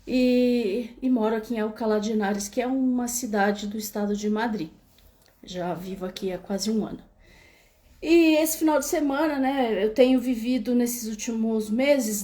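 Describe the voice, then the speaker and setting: Brazilian woman on a home webcam live, mellow kinda high voice, rambles, restarts a lot. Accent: São Paulo Brazilian Portuguese. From São Paulo, Brazil. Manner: rambling, many restarts and filler tags. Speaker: live-stream host. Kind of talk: casual livestream storytelling. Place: home in Spain. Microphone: webcam or phone camera.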